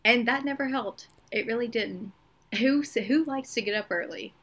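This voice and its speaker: A woman's voice: a little high, moderate pace, a bit bright. A young woman chatting casually and informally as a podcast co-host, often using "like" as a filler. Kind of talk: casual chat.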